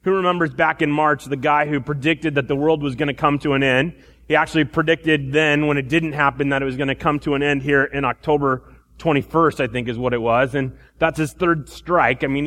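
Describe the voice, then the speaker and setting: A preacher giving a sermon at a pulpit microphone, in a relaxed teaching tone with frequent restarts. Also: male voice, on the high side, long reverb tail.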